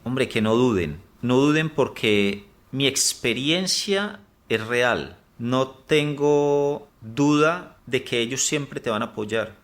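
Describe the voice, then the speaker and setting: A man's voice: medium pitch, lively intonation, slow pace, few pauses. A man, a former soldier, giving earnest personal testimony and urging others to speak. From Colombia.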